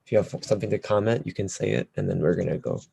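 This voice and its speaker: A man's voice: lowish voice, very fast, vocal fry, mellow, slightly rough. A man moderating an online meeting with brief off-the-cuff prompts to participants. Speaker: session moderator.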